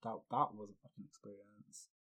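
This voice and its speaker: A young man hosting a podcast, telling a story in casual chat, animated and swearing freely. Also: fairly low pitch, fairly quick. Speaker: podcast host.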